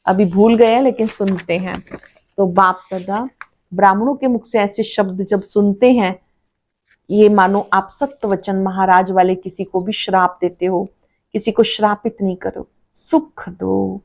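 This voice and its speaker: A woman reading a devotional sermon as a spiritual teacher, slowly, repeating key phrases for emphasis. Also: medium pitch, gravelly, darkish tone, dull audio.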